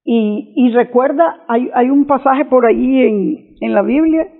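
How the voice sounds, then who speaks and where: A man's voice: extremely high pitch, measured pace, creaky. A man preaching an unscripted reflection on scripture, earnest, often restarting and repeating his phrases. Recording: tinny phone-like audio.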